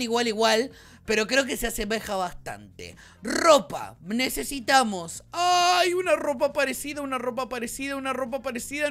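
Gaming host: woman, Rioplatense Argentine accent, high and very animated, bubbly and shrieky. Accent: Rioplatense Argentine Spanish. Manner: bubbly, excitable, shrieks and laughs often. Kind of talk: excited gameplay commentary.

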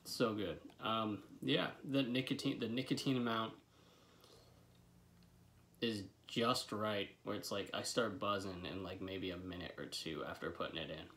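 A man's voice: lowish voice, steady tone, unhurried, fairly bright tone, a little hiss or hum. A young man in his twenties giving a casual, laid-back vlog review with a lip full of dip, recorded at a desk in a bedroom. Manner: laid-back, swearing freely. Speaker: product reviewer. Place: small bedroom, indoors.

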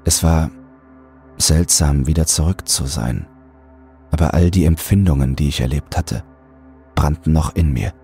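A dramatic male narrator reads a horror tale in an extremely deep voice, slow, measured and full of suspense. Quiet, soft music runs underneath.

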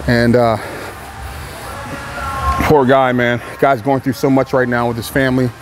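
A professional bodybuilder in his thirties talks to the camera between sets in a large indoor gym, laid-back and candid, rambling loosely with fillers. Music and other background noise play behind his mid-range, level, unhurried voice.

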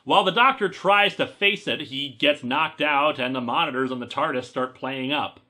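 A man's voice: mid-range voice, moderate pace, sharp tone. A man co-reviewing in a comedic debate, talking enthusiastically and defending his view.

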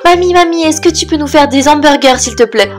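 Woman as high-voiced chatty little girl piglet. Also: brisk, lightly acted. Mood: eager. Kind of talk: cartoon toy-play story.

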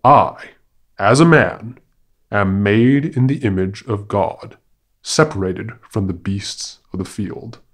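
A man's voice: lowish voice, slow. A man voicing a boastful male monkey who proclaims himself a man, speaking in a grandiose, declaiming manner.

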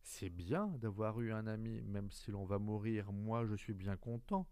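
A man reading an audiobook, voicing a gentle young boy prince who asks earnest, wondering questions. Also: lowish voice, fairly even intonation, measured pace, smooth, dry recording.

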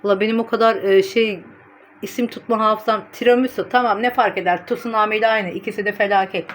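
A woman's voice: mid-range voice, fairly even intonation, fast talker. A woman vlogging casually to her phone camera, chatty, blunt and teasing, with a way of talking.

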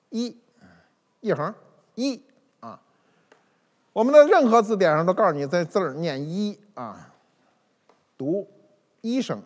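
A man's voice: a little high, breathy edge. A man giving an explanatory talk-show monologue, teaching by saying example words aloud. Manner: didactic, demonstrates pronunciations aloud. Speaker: cultural commentator. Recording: reverberant room with faint music.

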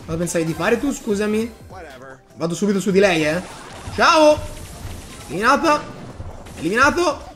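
A man giving excitable live commentary over his own gameplay, breaking into bursts of hype and talking straight to his viewers. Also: high-pitched, brisk, pauses often, faint music behind. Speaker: gaming YouTuber.

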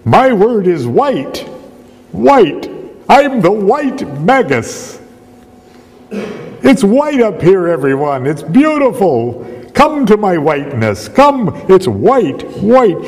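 A man voicing a lofty magus who yells proclamations from on high, loud and drawn-out. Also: sing-song, in a large hall, heavily acted. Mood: proclaiming. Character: exalted male magus yelling from on high.

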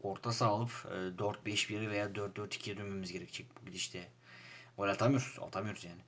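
A young man with a Turkish accent giving casual commentary over a football manager game, frustrated and grumbling, jumping from loud outbursts to low muttering. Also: level tone, quick pace. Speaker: gaming YouTuber playing a football manager game.

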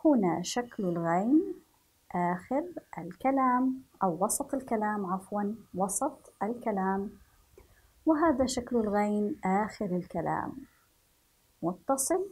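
A woman from Yemen teaching a children's reading lesson, spelling syllables slowly and repeating each word for the class to follow, with gentle praise. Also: mid-range voice, breathy edge. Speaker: primary school teacher.

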